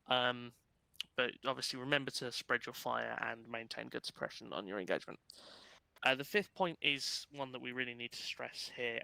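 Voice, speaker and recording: Bright, clear-voiced man giving a briefing. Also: medium pitch, dry recording, low-quality recording. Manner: casual, chatty, filler-heavy explaining. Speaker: unit instructor. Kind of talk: briefing a gaming unit over voice chat.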